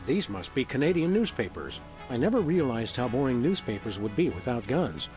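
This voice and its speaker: An actor voicing a deadpan dog detective in a video game, delivering dry quips. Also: male voice, mid-range voice, fairly quick, over music, lightly acted.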